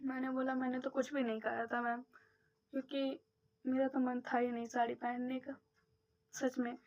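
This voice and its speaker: High-voiced chatty woman teacher vlogging. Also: normal speed. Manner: animated, mimics others' voices in anecdotes. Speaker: primary school teacher. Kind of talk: casual storytelling vlog. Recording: slightly dull lo-fi audio.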